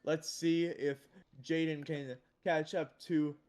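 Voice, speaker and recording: A young man giving excited play-by-play commentary on a sim race, swearing at wrecks. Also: on the high side, takes it slowly.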